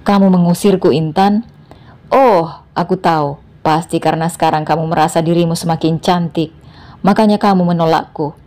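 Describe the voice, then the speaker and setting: Brief: selfish ex-husband, low and mellow, pleading, then accusing, read by a woman narrator. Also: fairly even intonation, moderate pace, natural voice. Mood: pleading, defensive.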